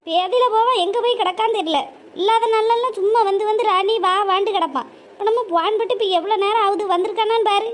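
A woman's voice: extremely high pitch, quick pace. A woman as a scolding, scheming daughter. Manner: scolding, sharp and nagging. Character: scheming impatient grown daughter. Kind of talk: cartoon voice acting.

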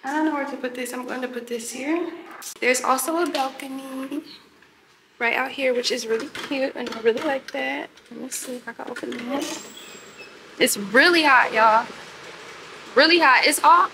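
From a hotel room and then a balcony overlooking a city street at night, a young woman travel vlogger gives her viewers a casual, chatty, animated talk to camera. She holds the phone at arm's length, and her high-pitched voice carries slight background noise.

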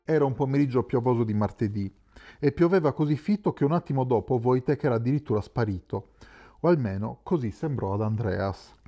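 A man narrating a literary novel as an audiobook in a calm, measured way. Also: mid-range voice, soft background music. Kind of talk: scripted narration.

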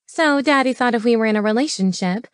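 A woman voicing a spiteful young villain's daughter, pitched high and shrill. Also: quick pace, clear, resonant tone, no echo, clean studio sound, lightly acted. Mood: sneering. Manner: shrill, screaming. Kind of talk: audiobook character voice.

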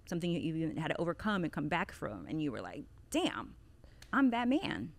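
Female podcast host, playful, energetic introductions, studio mic. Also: sits low, fairly quick. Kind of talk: podcast interview. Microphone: studio mic on boom arm.

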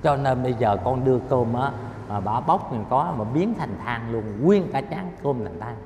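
A man giving a colloquial, emphatic Buddhist dharma talk, telling stories with drawn-out filler particles. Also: lively intonation, darkish tone. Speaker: Buddhist lecturer. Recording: echoey hall with faint rumble.

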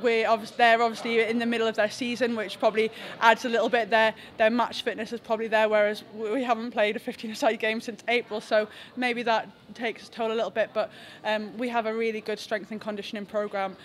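A woman's voice: fairly high pitch, little pitch movement, slight background noise. A young woman speaks as a rugby captain in a post-match press scrum, her delivery level and unvaried. She thinks aloud, stopping and restarting phrases often. Close handheld press mics catch her indoors. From England. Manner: reflective, halting with frequent restarts. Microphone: several handheld press mics close to her face.

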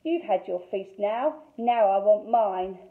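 A woman's voice: on the high side, lively intonation, moderate pace. A woman voicing an ancient, greedy witch who eats children, with a crackly voice that coos and snaps, on a thin phone-like recording. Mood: snapping. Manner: cooing then snapping.

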